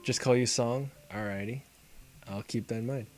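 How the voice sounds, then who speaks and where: While live-streaming a card game, a man muses aloud about his moves and reads and answers viewers in chat. He talks to himself casually in a mid-range voice at normal speed, and Korean isn't his first language. Music plays in the background.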